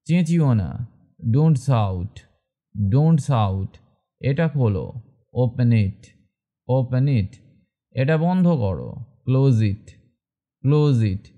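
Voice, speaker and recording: A man teaching English, reading short phrases slowly and repeating each one twice. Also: mid-range voice, warm tone, highs cut off. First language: Bengali. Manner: slow, deliberate drilling of short phrases.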